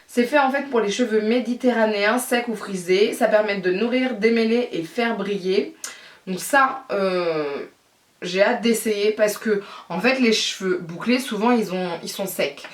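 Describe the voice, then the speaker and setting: A woman's voice: on the high side, moderate pace, distant mic. A woman beauty vlogger chatting casually to camera about her purchases, gushing over them and hesitating often. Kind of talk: casual haul chat to camera. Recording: roomy echo, voice a bit off-mic.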